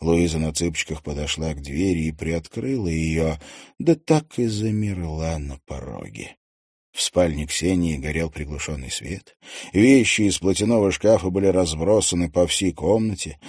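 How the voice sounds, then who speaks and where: A male audiobook narrator reading in a lowered, hushed delivery with an animated melody. The recording is dry and close, with no room around the voice. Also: moderate pace, breathy edge, dry recording. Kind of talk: scripted narration.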